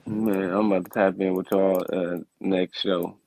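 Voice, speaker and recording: A man's voice: low-pitched, little pitch movement, moderate pace, a little mellow, dry recording. A man in a casual podcast chat, talking in a sleepy, drawling way with slang. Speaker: guest.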